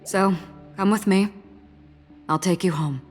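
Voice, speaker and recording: A woman voicing an enigmatic, melancholy wanderer in a video game, speaking in a calm, measured, solemn way. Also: medium pitch, faint music behind, close to an everyday voice. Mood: solemn, detached. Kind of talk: video game voice acting, dialogue. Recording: long reverb.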